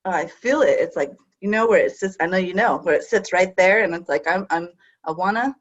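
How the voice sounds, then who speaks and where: A woman's voice: lowish voice, a little fast, muffled recording. A woman contestant in casual, chatty, self-deprecating talk. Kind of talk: casual chat.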